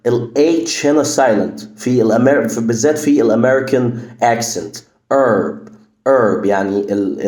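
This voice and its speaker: An Egyptian Arabic-accented man teaches English words and says each one several times, slowly and clearly. His pitch moves up and down a lot. The voice rings in a roomy, echoing space. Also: a little mellow. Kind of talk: English pronunciation lesson. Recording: echoey room.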